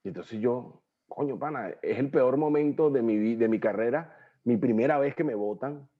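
A man's voice: mid-range voice, moderate pace, phone-quality sound. A young adult man with a Venezuelan accent, telling stories as an interview guest and acting out the voices of people in them. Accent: Venezuelan Spanish. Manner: animated, acts out quoted voices, slangy. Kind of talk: casual storytelling interview.

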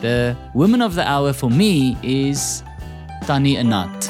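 A man's voice: medium pitch, big pitch swings, measured pace, loud music behind the voice. A man hosting a comedy podcast interview, talking in a playful, self-mocking way. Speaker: podcast host.

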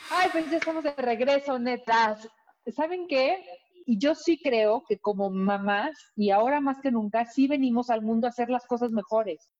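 A woman co-host speaks cheerfully and coaxes the children along. Her voice is fairly high, and the audio sounds dull and lo-fi. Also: normal speed, darkish tone. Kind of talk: casual TV chat.

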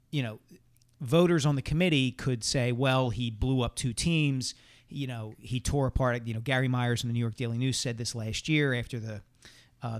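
A man, a sports columnist, chatting on a podcast in a brisk, explanatory way, laying out his points in order. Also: medium pitch. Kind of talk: casual chat.

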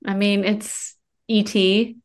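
A woman writer chatting as a podcast guest, talking quickly and rambling, often restarting her thought. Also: medium pitch, little pitch movement. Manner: quick, rambling, self-correcting. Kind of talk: casual conversational interview.

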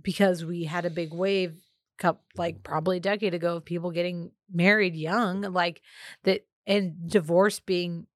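A woman's voice: lowish voice, fairly even intonation, moderate pace, no room sound, studio quality. A woman co-hosting a casual advice podcast, chatty and opinionated, with many filler words. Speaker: podcast co-host.

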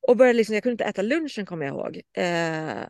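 A young adult woman shares a painful personal memory in relaxed podcast conversation. She speaks at a middle pitch and brings each scene to life by acting out what people said. The sound is close and dry, with no room echo. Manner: emotional, acts out quoted dialogue. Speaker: podcast co-host. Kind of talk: personal story in casual chat.

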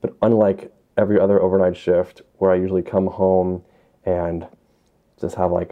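A man with a fairly low voice talks candidly as an interview guest. He thinks aloud haltingly, and the remote call makes him sound slightly dull and lo-fi. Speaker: emergency doctor, interview guest.

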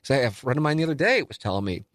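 A man's voice: medium pitch, very animated, rapid-fire, a bit bright, dry recording, clean studio sound. A man in his forties hosting a solo listener Q&A, talking in a candid, rambling, self-deprecating way. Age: 40s. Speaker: radio and podcast host.

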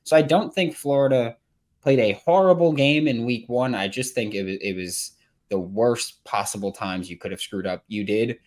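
A man's voice: mid-range voice, moderate pace, a little mellow. A man giving casual, emphatic sports commentary as a podcast panelist.

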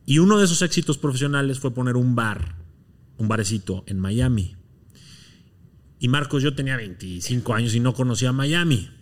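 A man from Mexico, a podcast guest telling a long personal story in a relaxed, slangy way. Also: mid-range voice, normal speed. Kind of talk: storytelling in conversation.

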